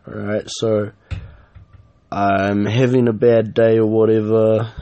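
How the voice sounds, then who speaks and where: A man's voice: lowish voice, slow pace, dull audio. A man hosting his own podcast, talking casually and rambling, with lots of "uh" and "um" fillers. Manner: relaxed, rambling, many fillers. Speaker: podcast host. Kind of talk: casual solo podcast talk.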